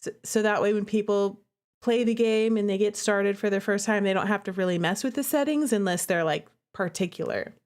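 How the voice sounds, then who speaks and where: A streamer and visual novel creator hosts a playthrough on her livestream, commenting on the game in a playful, animated, chatty way and speaking straight to her viewers. Her voice is medium in pitch and fairly quick. Music plays in the background.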